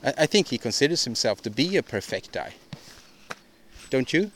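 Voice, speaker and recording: A man's voice: mid-range voice, sing-song, normal speed, a bit bright, a little hiss or hum. Male podcast host, solo monologue; rambling, opinionated, frequent restarts and repeats. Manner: opinionated, ranting delivery.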